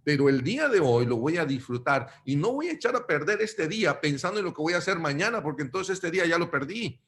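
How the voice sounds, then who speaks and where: A man from Mexico preaching a sermon, addressing his listeners as brothers and swinging between loud emphatic bursts and quiet low asides. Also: big pitch swings, quick pace.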